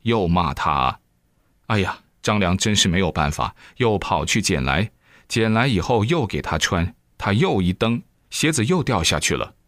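Male preacher, lively storyteller, exclamatory, lowish voice, dry sound. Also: moderate pace, dry recording. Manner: animated storyteller with frequent exclamations. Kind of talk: storytelling dharma talk.

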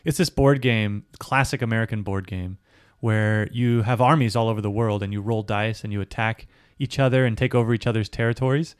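A man's voice: on the low side, fairly even intonation, a little fast, smooth, no echo, clean studio sound. A man co-hosting a casual discussion podcast, explaining his views at length with everyday analogies. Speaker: podcast co-host.

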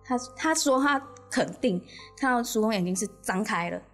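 A woman with a Taiwanese Mandarin accent, hosting a podcast and telling a spooky story in a casual, animated way, often laughing as she goes. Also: fairly high pitch, normal speed, soft background music. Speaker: podcast host.

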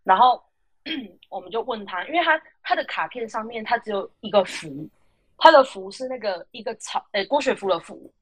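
Taiwanese mandarin woman hosting a chatty podcast, normal mid pitch, acts out everyone in her stories. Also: moderate pace, breathy edge. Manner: animated, acts out the voices of customers and friends. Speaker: podcast host. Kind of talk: casual storytelling chat.

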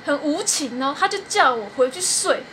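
Young female podcast host, bright and high, giggly storyteller, faint fan hum behind. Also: animated, normal speed. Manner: giggly storytelling, laughs often. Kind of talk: casual chat.

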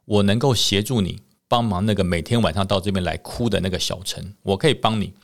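A man voicing the ghost of a young male soldier, speaking softly and earnestly. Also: deep voice, quick pace.

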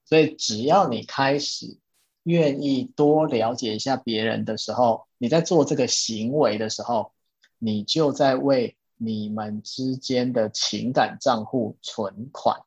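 A man's voice: medium pitch, measured pace, slightly rough, dry recording. A man hosting a casual podcast chat, patiently explaining ideas from a self-help book and repeating his key points. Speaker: podcast host. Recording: dull lo-fi, dry.

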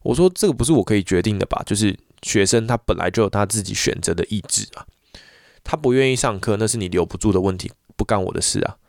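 A man's voice: on the low side, fast talker, gravelly, dry recording, clean studio sound. Ranting man. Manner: animated, repetitive ranting with frequent restarts. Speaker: voice teacher. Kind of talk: casual monologue.

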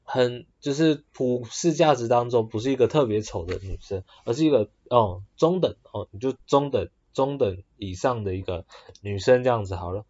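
A man hosting a podcast monologue, halting and full of fillers and restarts. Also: mid-range voice, darkish tone, lo-fi sound. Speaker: podcast host. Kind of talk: casual monologue.

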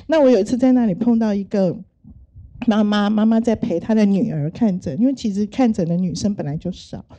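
Brief: middle-aged woman, Taiwanese Mandarin accent, very mellow dark tone, unhurried reflective storyteller. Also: medium pitch, lo-fi sound. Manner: gentle, thoughtful, many soft fillers. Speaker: speaker sharing work stories.

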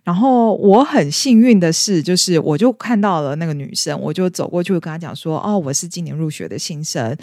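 A young woman in her twenties chats at a brisk clip on a podcast and tells a personal story. She acts out the quoted lines in bright, raised voices. Her voice sounds close and dry. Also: fairly low pitch, expressive, dry recording. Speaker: podcast co-host. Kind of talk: casual storytelling chat.

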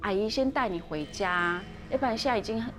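A woman voicing a distraught mother who softly and patiently coaxes a lost little boy. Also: medium pitch, a little fast, soft background music, close to an everyday voice. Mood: coaxing.

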